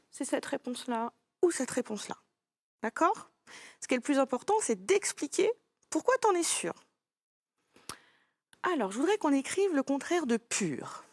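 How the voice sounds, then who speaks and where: A woman's voice: a little high, no room sound. A woman teaching a lesson to young children, speaking patiently and encouraging the child directly. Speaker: primary school teacher.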